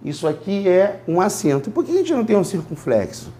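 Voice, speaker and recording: High-voiced man teaching a class. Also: very animated, dark tone. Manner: explains slowly, repeats words, asks students to repeat. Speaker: Spanish teacher. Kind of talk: classroom lecture.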